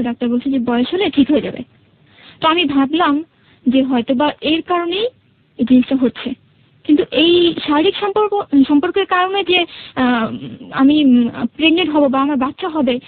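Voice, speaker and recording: A woman with a Bangladeshi accent and a high-pitched, fairly quick voice shares her personal story as a guest on a radio show. She hesitates and repeats herself as she explains, and the audio sounds narrow and tinny.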